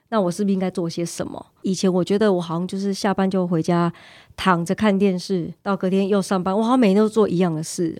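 A woman's voice: mid-range voice, darkish tone. Taiwanese woman guest chatting casually. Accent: Taiwanese Mandarin. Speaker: podcast guest. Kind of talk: casual personal storytelling.

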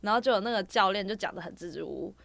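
A woman's voice: medium pitch, expressive, rapid-fire, vocal fry, fairly bright tone, dry recording, studio quality. A young woman, telling a long story on a casual podcast, rambling from clause to clause with fillers. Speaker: podcast co-host.

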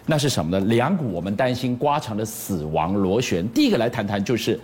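A man's voice: fairly low pitch, lively intonation, a little fast, a little mellow. A male news host with a Taiwanese Mandarin accent, presenting breaking news in an emphatic, dramatic way with rhetorical questions.

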